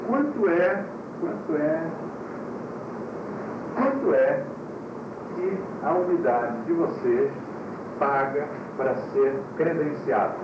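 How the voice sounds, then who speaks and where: A man's voice: on the high side, expressive, slow, long pauses, highs cut off. A man, a teacher giving a classroom lecture to school directors on an old VHS tape recording, teasing the class with rhetorical questions. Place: lecture room with an audience. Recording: noisy old VHS tape, echoey room, speaker far from the mic.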